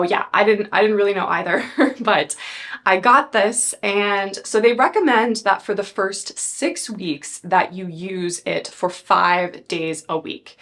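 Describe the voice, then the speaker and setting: A woman's voice: mid-range voice, a bit bright. A woman in her thirties chatting casually through a beauty product review, rambling with fillers and self-corrections. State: a bit out of breath. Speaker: beauty vlogger.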